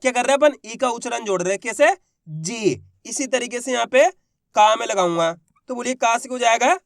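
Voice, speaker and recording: A man teaching a beginners' reading lesson. He poses questions and answers them himself, sounding out syllables slowly and stretching the long vowels. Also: very high-pitched, vocal fry, dry recording, clean studio sound. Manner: draws out long vowels when sounding out words. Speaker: Hindi teacher.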